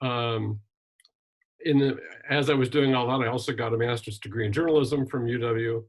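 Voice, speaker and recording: An older man from Wisconsin, USA, a retired minister and journalist, tells his life story in a relaxed, casual conversational interview. His mid-range voice moves at a moderate pace, with frequent ums and restarts.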